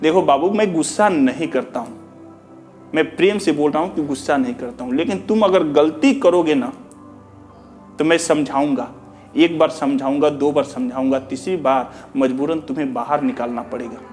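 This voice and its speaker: Earnest man, fairly high voice. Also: moderate pace, darkish tone, soft background music. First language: Bhojpuri. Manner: earnest, repetitive, rhetorical questions, mixes in English. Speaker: teacher. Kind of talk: addressing students, reading out feedback.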